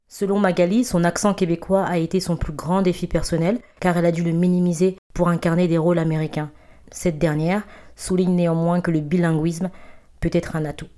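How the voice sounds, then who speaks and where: A woman reporter narrates a news segment in a measured way. Her voice is low and flat, with a dark, mellow tone.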